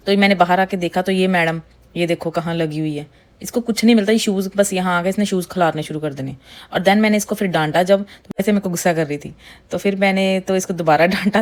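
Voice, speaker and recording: Fast-talking mother vlogging. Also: lowish voice, a little mellow. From India. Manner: chatty, homely, mixes English words into her speech. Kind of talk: casual voice-over narration.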